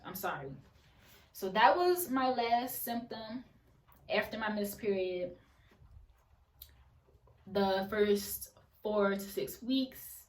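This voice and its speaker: A woman's voice: mid-range voice, animated, slow pace, long pauses, far from the mic. A woman giving casual advice in a vlog, chatty and repeating phrases for emphasis. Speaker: vlogger. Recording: roomy echo, voice away from mic.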